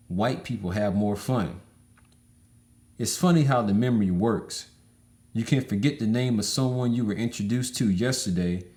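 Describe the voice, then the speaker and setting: Low-voiced man reading a memoir. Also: a little mellow. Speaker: audiobook reader. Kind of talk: memoir read aloud.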